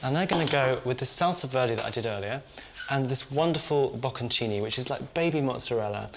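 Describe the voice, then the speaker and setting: A man's voice: medium pitch, lively intonation, a little fast, gravelly, noisy background. A man hosting a cooking show, chatting casually as he prepares food in his kitchen. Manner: chatty, talks while cooking and tasting. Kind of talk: cooking demonstration.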